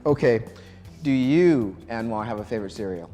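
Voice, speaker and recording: A man's voice: mid-range voice, moderate pace, faint music behind. Easygoing man hosting a quiz show. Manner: relaxed, loose, with many ums and restarts. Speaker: game show host. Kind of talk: casual live quiz show chat. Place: college broadcast studio.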